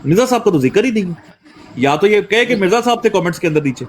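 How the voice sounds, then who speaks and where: A man's voice: sits high, expressive, quick pace, a little hiss or hum. A man hosting a heated religious debate stream, accusing and lecturing. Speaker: host reviewing clips.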